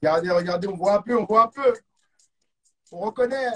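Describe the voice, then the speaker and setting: Husky man with a French accent, fairly high voice, hyped live-stream host, repeats catchphrases. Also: a little fast, bright, forceful tone. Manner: hyped, repeats catchphrases, mixes English exclamations. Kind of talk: casual live-stream hosting with quiz games. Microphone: phone or webcam on a live stream.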